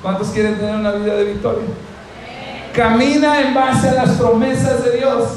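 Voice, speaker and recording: A male pastor with a very high voice preaches a fervent sermon, repeatedly calling out amen and urging the congregation to talk to the person beside them. He addresses them directly and has them repeat phrases. The very echoey room carries faint ambience along with a little hiss or hum.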